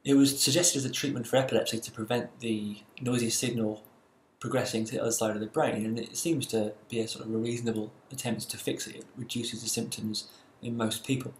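A man giving a recorded university lecture, explaining in a measured way with occasional fillers. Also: mid-range voice, fairly even intonation, echoey room, a little hiss or hum.

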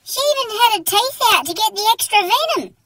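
A man's voice: extremely high pitch, animated, bright, forceful tone, no room sound, clean studio sound, heavily acted. A man playing a naive, innocent young man in a comedy skit, earnest and gushing. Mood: awed. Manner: earnest, gushing, slow wide-eyed delivery. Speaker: comedy sketch character.

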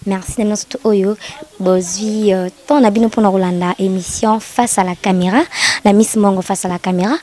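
A woman's voice: mid-range voice, fairly even intonation, fairly quick, mellow. Young Congolese woman TV presenter. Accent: Congolese French. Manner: mixes in Lingala, many hesitations. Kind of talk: on-camera interview talk.

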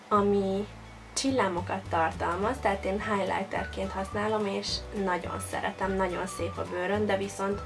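A young woman, a beauty vlogger, talking viewers through a makeup tutorial in a friendly, instructive way, filmed close in a small bright room. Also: mid-range voice. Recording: clear background music. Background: background music.

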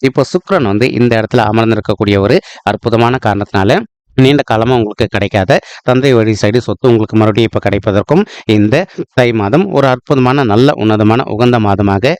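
A man with a low, smooth and resonant voice talks viewers through their monthly horoscope. He speaks politely and humbly, calling his listeners friends and leaning on the same stock phrases and fillers over and over. The sound is dry, with no room echo. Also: darkish tone. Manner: repetitive, uses filler "vandhu" and many stock phrases. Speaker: astrology channel host. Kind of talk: casual spoken astrology forecast.

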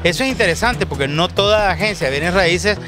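A man's voice: sits high, lively intonation, fairly quick, over music. A man in his forties hosting a TV show, interviewing a guest at a trade fair booth with a handheld mic, formal and courteous. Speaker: TV show host.

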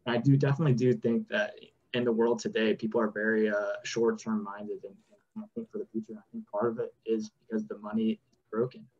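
Man in his twenties, guest, lowish voice, dull lo-fi call audio, casual filler-heavy talk. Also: quick pace. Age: 20s. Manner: relaxed, lots of "like" and "you know". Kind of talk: casual video-call interview.

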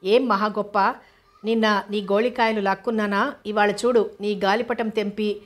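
A woman's voice: medium pitch, flat delivery, normal speed, natural voice. A woman reading as a feisty little orphan girl. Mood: defiant. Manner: cheeky, combative.

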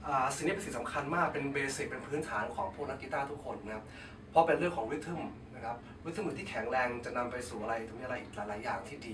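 A man teaching guitar rhythm, counting beats aloud patiently with many hesitation fillers. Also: medium pitch. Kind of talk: guitar lesson. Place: music school room. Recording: echoey, distant mic, noisy. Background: guitar playing.

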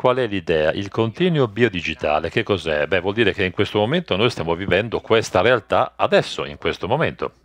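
A man interpreting a stage talk live, phrasing it haltingly with small explanatory asides. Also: fairly low pitch, lively intonation.

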